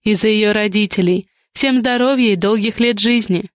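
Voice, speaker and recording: A poised young woman who speaks gently and persuasively, as the woman reader voices her. The voice stays near the reader's own, with a mid pitch and a dry, close sound. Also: moderate pace, no room sound, lightly acted. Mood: gentle. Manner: soft, smooth and persuasive.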